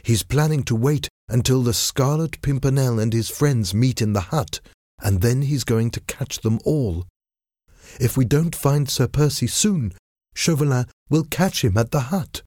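A man's voice: medium pitch, a little slow, darkish tone, no room sound, clean studio sound, voice pushed up, natural voice. A man voicing an anxious young noblewoman who frets urgently about her husband. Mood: worried. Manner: worried, urgent.

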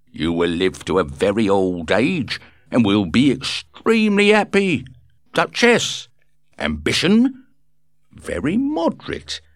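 A man voicing a plump male palm reader who speaks in a measured, pronouncing way. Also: fairly low pitch, no echo, clean studio sound, exaggerated voice.

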